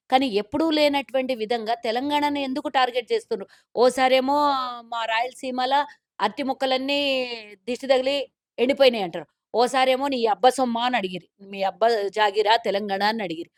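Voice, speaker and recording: A woman's voice: high-pitched, no room sound. A woman with a Telangana accent, a corporation chairperson speaking as a guest in a political interview in an indignant, pointed and sarcastic way. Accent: Telangana Telugu.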